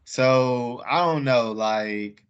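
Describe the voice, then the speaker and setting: A man's voice: medium pitch, drawn-out words, fairly bright tone, clear, resonant tone. A man talks loosely in a laid-back chat, often checking that his co-host is following him. His voice sits in a middle range. The audio is dull and lo-fi. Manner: loose, chatty, often asks "you get what I'm saying?". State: hiccuping from wine. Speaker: podcast host. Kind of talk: casual chat.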